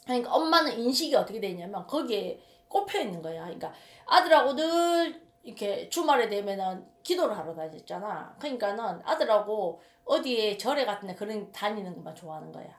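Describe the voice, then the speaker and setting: A woman shaman with a Gyeongsang Korean accent tells a story in a casual monologue, emphatic and rambling, often repeating her words. Her mid-range voice is sing-song and brisk, and the recording has a roomy echo.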